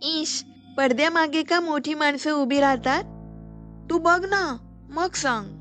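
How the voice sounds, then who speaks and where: Scared little girl in a spoken story, high and whiny, easily spooked; a woman acts it. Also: slow pace, a bit bright, faint music behind. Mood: defiant. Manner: shrill, whiny and fearful. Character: timid, fussy little girl friend, easily frightened.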